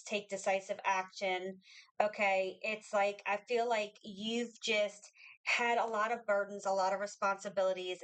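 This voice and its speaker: A woman's voice: mid-range voice, fairly bright tone, smooth, poor audio. Woman, tarot reader, casual chat, reassuring, rambling with fillers. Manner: chatty, reassuring, many fillers and restarts.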